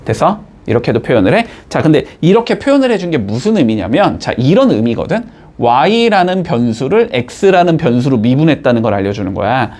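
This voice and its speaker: Lively Korean math teacher checking in. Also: male voice, mid-range voice. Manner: checks in constantly with quick rising tags. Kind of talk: classroom lecture.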